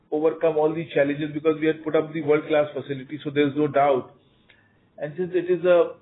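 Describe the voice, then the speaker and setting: A fairly high-pitched man with an Indian accent fields analysts' questions as a company executive on an earnings call held over a phone line. He speaks emphatically, repeats words and frequently says "you know". The audio is narrow and tinny, like a phone line.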